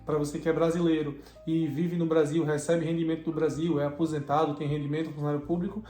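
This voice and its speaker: Fast, chatty co-host. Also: medium pitch, level tone, warm tone. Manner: upbeat, chatty, acts out clients' lines. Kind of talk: lively video chat. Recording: echoey room with faint music.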